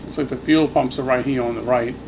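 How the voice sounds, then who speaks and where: A man giving casual flight simulator commentary, thinking aloud in a relaxed way. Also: mid-range voice, fairly quick, gravelly. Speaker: flight simulator player narrating own flight. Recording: loud propeller engine drone over voice. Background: simulated small plane engine noise.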